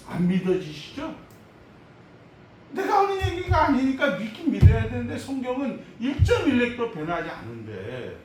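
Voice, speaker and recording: A male pastor preaching a sermon in a lively, animated way, acting out the voices of people in his stories. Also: very high-pitched, very echoey, distant mic, a little hiss or hum, poor audio. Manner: animated, acts out quoted voices. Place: church sanctuary.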